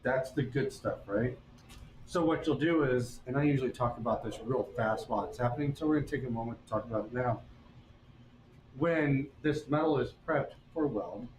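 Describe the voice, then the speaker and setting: A man's voice: medium pitch, reverberant, a little hiss or hum, poor audio. A man teaching blacksmithing on a live stream, explaining each step in a folksy, casual way. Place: forge workshop.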